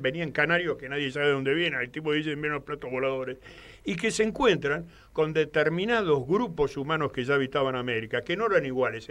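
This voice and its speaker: A man with an Argentine Spanish accent, a guest on a radio talk show, rambling through animated anecdotes. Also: a little high. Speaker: guest commentator. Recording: studio radio microphone.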